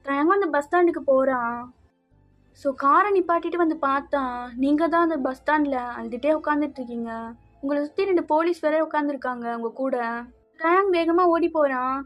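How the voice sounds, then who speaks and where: Woman narrator for a fan fiction audio story, high voice, casual, slightly dull recording with faint music. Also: brisk, dry recording.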